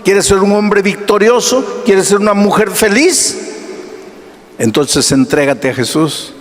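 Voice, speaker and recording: A male pastor preaching a sermon, swinging between hushed low passages and raised ones, asking his listeners questions and answering them himself. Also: expressive, unhurried, long reverb tail.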